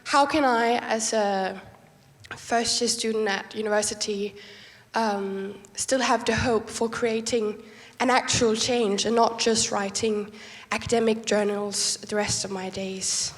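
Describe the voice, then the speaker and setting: A woman's voice: a little high, steady tone, measured pace. A young woman from Denmark, a first-year student, asks an earnest, hesitant question into a handheld mic in a large lecture hall. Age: young adult. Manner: earnest, hesitant with many ums. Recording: long hall reverb.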